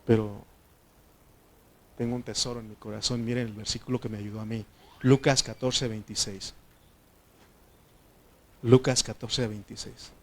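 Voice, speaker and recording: A man preaching a sermon, putting direct questions to the congregation and swinging between loud and hushed. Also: on the low side, level tone, normal speed, long pauses. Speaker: pastor.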